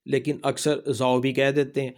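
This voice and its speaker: A man's voice: mid-range voice, little pitch movement, darkish tone. A man with a Pakistani Urdu accent, teaching a casual spoken lesson and patiently repeating each word for practice. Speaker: language teacher.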